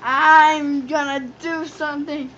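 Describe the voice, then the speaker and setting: A woman voicing an angry, bossy big brother who barks threats, over clear background noise. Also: high-pitched, little pitch movement, takes it slowly, sharp tone, muffled recording, some chatter behind, heavily acted. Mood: furious. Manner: barking threats and demands.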